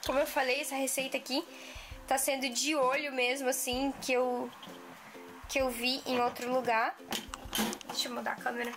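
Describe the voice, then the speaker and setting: Her voice sits high and flat, at a normal speed with frequent pauses. The woman, in her twenties, is casually chatting through a home cooking vlog in her kitchen, restarting sentences and using many fillers. It's recorded on an arm's-length camera mic, with background music and clinking dishes.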